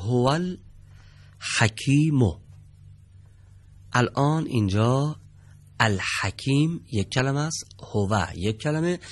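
A male teacher leads a televised reading lesson from a studio. His pitch rises and falls a great deal as he speaks. He talks patiently, quizzing his students and echoing back their answers. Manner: patient, asks questions and repeats answers.

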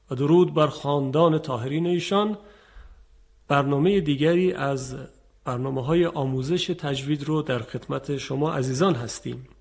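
A man teaching a tajweed lesson, calmly explaining and demonstrating letter sounds. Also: fairly high pitch, creaky. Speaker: Quran recitation teacher.

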